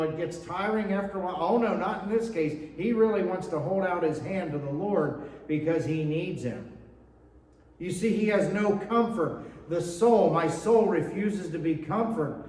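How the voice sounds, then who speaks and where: A man's voice: sits high, a little mellow. A male pastor giving a sermon in a church, reading scripture and adding casual, conversational asides. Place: church sanctuary. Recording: echoey church hall, mic from far off.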